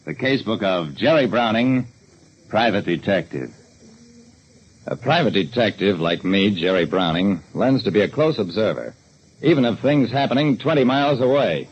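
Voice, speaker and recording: An actor plays a terse, observant private detective narrating his casebook in clipped, hard-boiled 1940s radio fashion, dramatic and brooding. His fairly low voice swings widely in pitch at a moderate pace with a breathy edge. The old recording is hissy and muffled.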